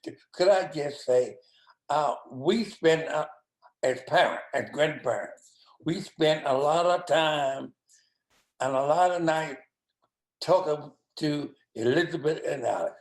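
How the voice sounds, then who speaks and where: Halting man in his nineties. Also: a little high. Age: 90s. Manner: halting, stammering restarts. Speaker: interview guest. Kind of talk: casual interview chat. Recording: echoey room.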